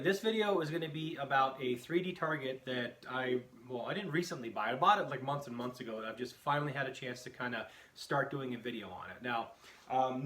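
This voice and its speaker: A man's voice: mid-range voice, a bit bright, slight background noise. A man hosting a casual product review, talking in a rambling, offhand way in his echoey home basement. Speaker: host.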